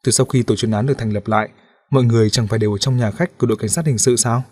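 A man's voice: medium pitch, fairly even intonation, very fast, darkish tone, no echo, clean studio sound, lightly acted. A male audiobook narrator voicing a joking young police officer with a light, casual manner.

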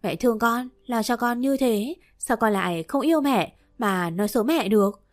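A woman's voice: on the high side, normal speed, natural voice. A woman voicing a tearful, two-faced young woman who pleads and denies, read in a storybook manner with light music behind. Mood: pleading. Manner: pleading and defensive.

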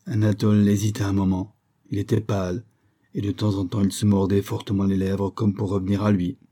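Male narrator for a classic novel audiobook, dark and husky, steady delivery. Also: on the low side, fairly quick.

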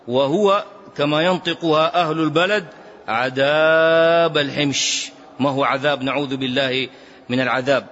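A man's voice: mid-range voice, fairly bright tone. A man teaching a classical text as a sheikh, explaining in an emphatic lecturing way that rises sharply when he is stirred. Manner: chants Quranic verse in a melodic recitation. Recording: dull lo-fi recording with faint noise.

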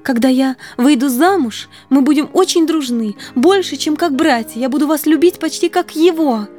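A woman's voice: high voice, normal speed, darkish tone, faint music behind, pitched above the performer's own voice, natural voice. A woman reading an audiobook, voicing an eager, affectionate young woman with breathless exclamations. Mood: earnest.

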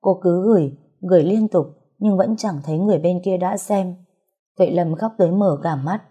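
A woman narrating a dramatic audio novel in a steady storytelling manner. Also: lowish voice, moderate pace, husky.

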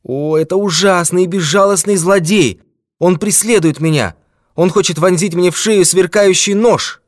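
A man's voice: sits high, lively intonation, moderate pace, voice pushed up. A man voicing a frail, paranoid old man who shrieks in panic. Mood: panicked.

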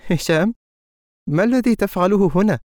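Reading an audiobook, a man voices a guarded young woman who teases and mocks, his delivery sarcastic. He pitches his natural-sounding voice higher than his own, so it sits high with a darkish tone at a moderate pace, in a dry, studio-quality recording.

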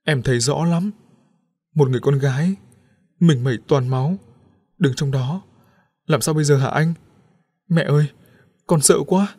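A man's voice: fairly high pitch, normal speed, long pauses, darkish tone, no echo, studio quality, voice pushed up, lightly acted. A man voicing a frightened young woman who pleads with her husband and mother in an audio story. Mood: terrified. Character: young woman, terrified wife.

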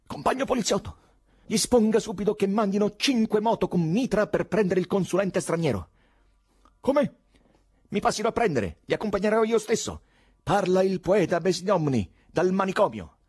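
Male reader doing a high, frantic young poet; husky, wildly swinging pitch. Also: big pitch swings, moderate pace, no echo, studio quality, full character voice. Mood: shouting. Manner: shrill, frantic, stammering outbursts.

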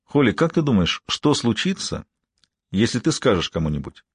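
A man voicing a soft-spoken, manipulative man who calmly coaxes his young niece into keeping a secret. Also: medium pitch, moderate pace, slightly rough, no echo, studio quality. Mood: coaxing. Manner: soft, calm and coaxing.

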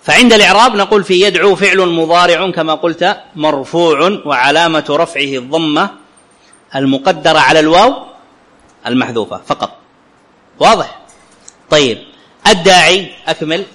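A man teaching an Arabic grammar lesson, often asking his students whether it is clear and reciting quotations slowly. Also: a little high, fairly bright tone. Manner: questions students often, checks understanding; clears his throat now and then.

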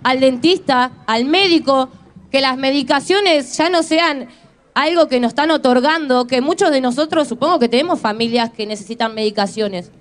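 Young Argentine woman, fervent rally speech, high register. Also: moderate pace. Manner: impassioned, building to forceful appeals. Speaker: youth speaker at a rally. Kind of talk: impassioned protest speech.

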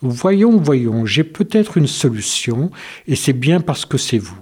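A man's voice: medium pitch, big pitch swings, slow, a little mellow, breathy edge, full character voice. A man doing a teasing storybook dentist. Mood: obliging. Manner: teasing, mock-solemn. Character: male village dentist, wry and teasing.

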